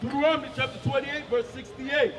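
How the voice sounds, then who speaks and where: A man with a very high voice loudly declaims scripture on a street. The recording is distant and dull, with a long reverb tail. A crowd murmurs behind him. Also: fairly even intonation, fast talker, slight background noise. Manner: loud, declaiming. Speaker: scripture reader for a street preacher. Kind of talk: reading scripture aloud. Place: outdoors on a city street.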